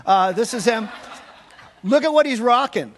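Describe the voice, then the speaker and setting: A man's voice: extremely high pitch, lively intonation, moderate pace, a little hiss or hum. A man in his thirties, a pastor, giving a chatty, upbeat sermon full of fillers and restarts. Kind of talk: casual sermon.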